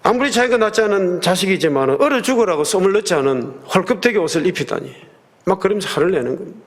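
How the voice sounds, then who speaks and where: Earnest storytelling pastor, higher voice. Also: male voice, animated, quick pace. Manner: storytelling with acted quotes, earnest and emphatic. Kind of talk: sermon. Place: church sanctuary.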